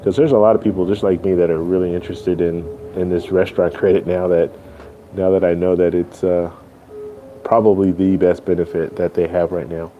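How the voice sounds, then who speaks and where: A man hosting a casual live stream, chatting with viewers in a halting, rambling way. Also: sits low, flat delivery, lo-fi sound, faint music behind. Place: airport waiting area. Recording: faint airport background noise.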